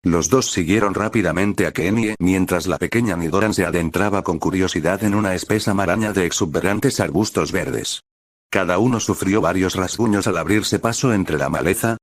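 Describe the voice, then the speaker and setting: A man narrates a story aloud in a steady, even way. His voice is very low. The sound is dry and close, with no room echo. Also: moderate pace.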